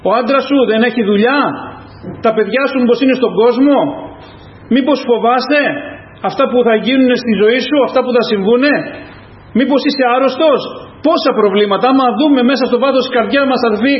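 A man preaching a fervent sermon as pastor, calling out to the congregation again and again. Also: very high voice. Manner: fervent, repetitive calls to the congregation. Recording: echoey, dull lo-fi church recording.

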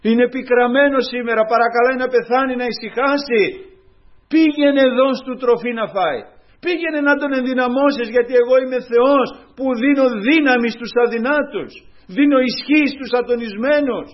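A man's voice: very high voice, highs cut off, voice pushed up. A male preacher voicing God as a fatherly figure who gives urgent, caring commands. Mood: tender, urgent.

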